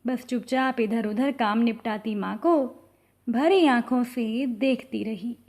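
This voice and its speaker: A woman narrating an emotional family story in a slow, feeling reading style. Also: on the high side, darkish tone.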